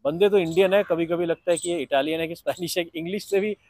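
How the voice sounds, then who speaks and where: A man's voice: on the high side, fast, a little mellow. A man, a mimicry artist, chatting in an interview and breaking into film-star impressions. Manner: breaks into film dialogue impressions mid-talk.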